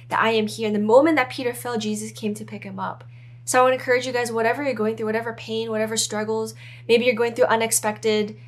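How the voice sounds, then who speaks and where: A young woman speaks to her podcast listeners in an earnest, encouraging way. Her voice sits a little high, and her tone stays casual and chatty while she teaches and prays. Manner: earnest, encouraging, casual fillers like "guys" and "right?". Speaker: podcast host and ministry leader. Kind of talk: devotional talk and prayer.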